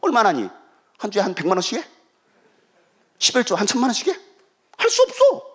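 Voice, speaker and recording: Fiery bright-voiced Korean pastor. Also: male voice, huge pitch swings, fairly quick, husky. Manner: swings between loud shouting and low quiet asides, acts out quoted voices. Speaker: guest pastor. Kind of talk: revival sermon.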